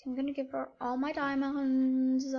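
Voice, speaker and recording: A high-pitched woman chatters through her gameplay as a casual vlogger, full of excited fillers. Her voice sits well above the usual range. The recording is somewhat dull and lo-fi. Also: a little slow. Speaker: gaming vlogger.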